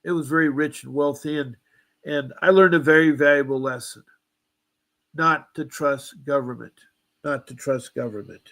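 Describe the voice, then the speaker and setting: A man in his seventies tells a long personal story in a rambling way, circling back with restarts and asides. He sounds aggrieved and insistent, and his voice sits slightly higher than most men's. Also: steady tone, normal speed, fairly bright tone. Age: 70s. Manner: aggrieved, insistent about injustice. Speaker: guest.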